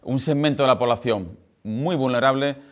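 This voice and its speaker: A man's voice: medium pitch, moderate pace. A man with an Andalusian accent hosting a TV news interview, presenting in a formal way. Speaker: news show host.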